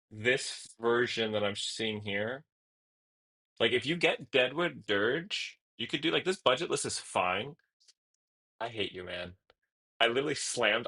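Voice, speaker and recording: A man's voice: medium pitch, bright, forceful tone. A male streamer chatting casually with his live chat, flustered and laughing, jumping between topics in an indoor room.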